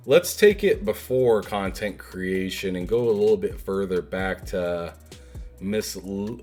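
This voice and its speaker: Man hosting an upbeat interview. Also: fairly low pitch. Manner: enthusiastic, encouraging interviewer. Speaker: podcast host. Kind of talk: casual interview.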